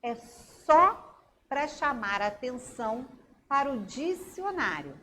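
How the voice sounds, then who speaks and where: A Brazilian woman teacher talks to young pupils in a slightly high, very animated voice. She takes her time, drawing out words and acting out example sentences with big rises and falls. A faint background hiss sits under the recording. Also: slow pace. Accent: Brazilian Portuguese. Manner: expressive and sing-song, reading examples aloud with dramatic intonation. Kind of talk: recorded online class for young children.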